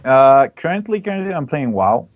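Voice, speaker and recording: Over an online call mic with phone-like sound and no room ambience, a young Belgian man talks as a guest in a relaxed interview. He's very animated at medium pitch and moderate speed, eager and talkative, with plenty of filler words.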